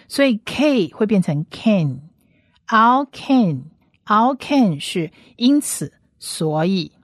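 Woman as a patient lesson teacher, repeats every sound slowly; dry, close sound. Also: mid-range voice, no room sound. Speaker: Hebrew teacher. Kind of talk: step-by-step language lesson.

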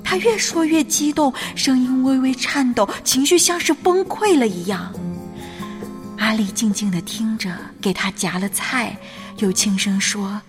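A woman narrating a scripted story in a gentle, measured manner. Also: fairly high pitch. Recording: reverberant hall with faint music. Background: faint background music.

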